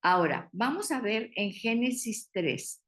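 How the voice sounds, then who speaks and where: Maestra de estudio bíblico, mujer con acento mexicano, habla pausada y hace preguntas al grupo. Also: female voice, fairly high pitch, animated. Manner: explains patiently, asks the group questions. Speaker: Bible study teacher. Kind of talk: Bible study teaching.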